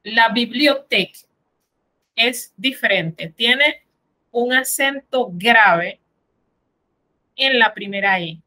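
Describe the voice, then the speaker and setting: A woman teaching a French vocabulary lesson, who says each French word slowly, then translates it and patiently explains the spelling. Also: fairly high pitch, pushed and bright, rough recording.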